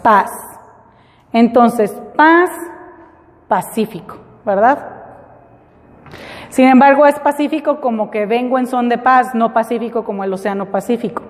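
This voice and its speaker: A woman teaching an English class, slowly and patiently, spelling words out letter by letter. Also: on the high side, long reverb tail. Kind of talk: classroom lesson.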